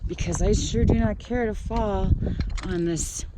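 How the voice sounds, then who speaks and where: Slow-talking woman hiker in loud wind. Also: medium pitch. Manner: exclamatory, wry, cheerfully complaining, casual swearing. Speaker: long-distance hiker vlogging the trail. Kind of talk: casual trail vlog. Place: outdoors on a windy high mountain pass. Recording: loud wind noise, outdoors.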